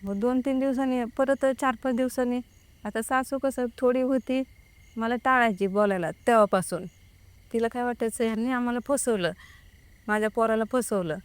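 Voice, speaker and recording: A woman's voice: a little high, moderate pace, clear, resonant tone, dry recording. A young woman, recounting her own experience in casual speech and quoting the people involved. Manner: retells with many quoted exchanges. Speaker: guest telling her experience. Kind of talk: casual spoken account.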